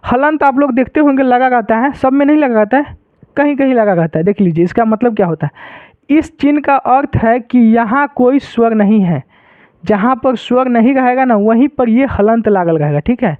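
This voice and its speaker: A male teacher explains a lesson in a very high voice. He repeats each point and keeps checking that the students follow. The sound is dry and tinny, like a phone line. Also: moderate pace, no echo. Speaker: Sanskrit teacher. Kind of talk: classroom-style lesson explanation.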